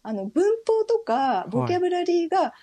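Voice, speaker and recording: A woman's voice: very high voice, very animated, moderate pace, mellow. A woman who works as a translator and interpreter, explaining politely as a panel guest, with plenty of fillers. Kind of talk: casual panel discussion.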